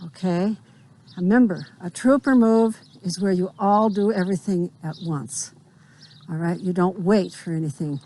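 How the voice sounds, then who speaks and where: A woman's voice: mid-range voice, a little mellow. A woman riding instructor outdoors, explaining drill directions firmly and checking that her riders understand. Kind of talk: spontaneous hands-on instruction.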